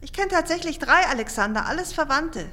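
A bubbly, high-voiced alien teen girl. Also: lively intonation, fairly quick, bright, forceful tone. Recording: music playing underneath.

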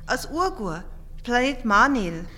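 A bubbly, high-voiced alien teen girl. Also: big pitch swings, slow, pushed and bright, full character voice. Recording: music playing underneath.

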